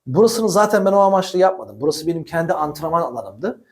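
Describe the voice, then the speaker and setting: A billiards coach talking straight to viewers in his own practice room, animated and chatty, often laughing and calling them friends. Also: a little high, fast. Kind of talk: instructional talk to camera.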